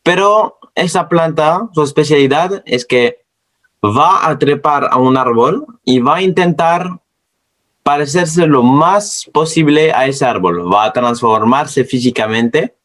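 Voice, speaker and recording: A male student with a non-native accent presents an educational narration in Spanish, his second language, using deliberate, slightly halting phrases. His voice is a little high and fairly bright, with lively intonation.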